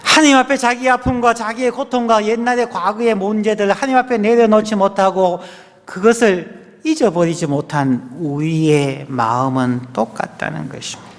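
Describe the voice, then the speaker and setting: A male pastor preaching an earnest sermon in a church, swinging between strong stresses and hushed, almost whispered phrases. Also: sits high, steady tone, moderate pace. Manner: earnest preaching, rising and falling between loud stress and soft near-whispers. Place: church sanctuary. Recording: long church hall reverb.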